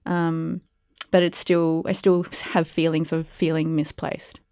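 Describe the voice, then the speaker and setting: A young Australian woman from Perth, Western Australia, whose first language was Spanish, is a guest arts curator and producer answering questions reflectively in a casual interview, with many ums and likes. Her low-pitched voice is dark, clear, and resonant, level and measured, recorded in studio quality with no room sound.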